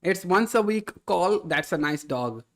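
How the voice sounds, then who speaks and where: A man hosting a casual live stream, reading viewer chat aloud and answering in a relaxed way, often calling people "bro". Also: high voice, a little slow, a little hiss or hum.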